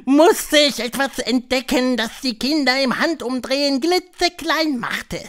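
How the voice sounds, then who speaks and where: A man reading an audiobook, voicing an imperious female witch leader who lectures in a shrill, drawn-out way. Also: lively intonation, a bit bright, exaggerated voice. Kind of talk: audiobook character voice.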